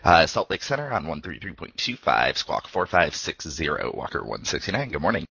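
A man reads back clearances as a pilot over air traffic control radio. The voice is extremely deep and full of fry, coming through a muffled, narrow channel. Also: very animated, a little fast, no room sound. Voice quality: very deep, gravelly, forceful. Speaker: airline pilot. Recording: dull, dry radio audio.

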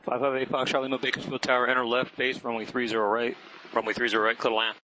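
A man's voice: medium pitch, monotone, fast talker, bright, forceful tone. A man working as an air traffic controller, giving clipped, matter-of-fact procedural instructions over radio. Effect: aviation radio transmission. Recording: noisy radio link with clicks.

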